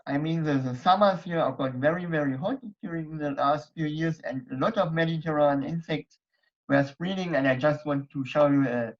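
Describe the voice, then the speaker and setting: At a society members night, a young German presenter gives a casual online talk with slides in German-accented English, his voice fairly high and his speed normal. He hesitates often, with many fillers and restarts. Audio comes from a computer mic on a video call and sounds dull and lo-fi.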